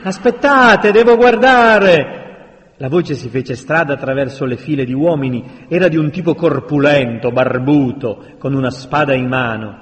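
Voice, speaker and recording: A man narrating a historical novel aloud in a slow, measured reading manner. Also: mid-range voice. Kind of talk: audiobook narration. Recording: long reverberant room sound.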